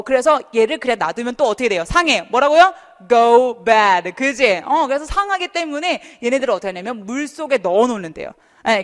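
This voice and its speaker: A young adult woman teaching a TOEFL class online, chatty and lively, often asking students questions. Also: on the high side, big-room sound. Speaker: TOEFL instructor. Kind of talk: online lecture.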